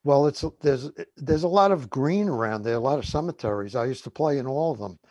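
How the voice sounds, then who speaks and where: A man's voice: mid-range voice, animated, fairly quick, a little mellow, no room sound. An older man in his seventies or beyond with a New York accent, chatting in a rambling, hesitant way as a radio co-host. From Woodhaven, Queens, New York. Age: 70s or older. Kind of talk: casual reminiscing radio chat.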